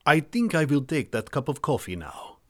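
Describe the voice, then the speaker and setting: An actor playing a reserved foreign adventurer and war veteran who speaks formally, without contractions. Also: male voice, a little high, big pitch swings, normal speed, a bit bright.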